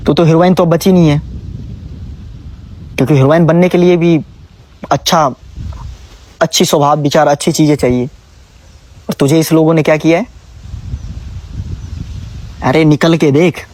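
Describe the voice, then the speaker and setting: A man's voice: fairly high pitch, fairly even intonation, moderate pace, pauses often, a little mellow. A young man, venting in an emotional vlog, pleading and scolding by turns. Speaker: vlogger. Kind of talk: emotional direct-to-camera vlog.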